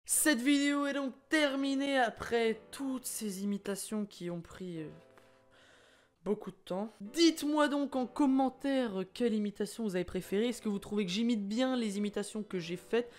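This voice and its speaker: A man's voice: extremely high pitch, normal speed. Chatty young man wrapping up a video. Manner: chatty, rambling, with crude jokes. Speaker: YouTuber. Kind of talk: casual video outro.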